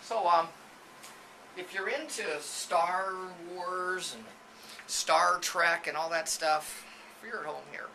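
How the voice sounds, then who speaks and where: This low-quality recording captures a man with a high-sitting, creaky, sharp voice speaking slowly with fairly even intonation. He's the CEO and presenter of a training company, casually and chattily narrating a walk through an indoor video production facility. Light background noise and room ambience are present.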